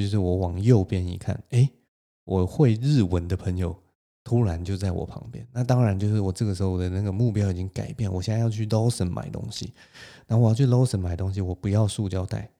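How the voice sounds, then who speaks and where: Low mellow Taiwanese Mandarin man. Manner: animated, laughs between lines. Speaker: podcast host. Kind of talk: solo storytelling.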